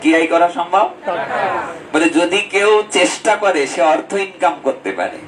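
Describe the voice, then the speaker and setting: A man preaches a devotional sermon, his voice on the high side and swinging from ringing calls to quiet asides. He sounds set back from the mic. A faint hum of room noise sits behind him. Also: unhurried, far from the mic, low-quality recording. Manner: lively, swings between high exclamations and low asides. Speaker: Bhagavat preacher.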